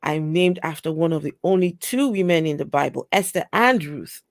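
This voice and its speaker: A woman from Africa hosting a casual interview chat, talking in a slow, reflective way with many fillers. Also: sits low, lively intonation, no echo, studio quality. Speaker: host.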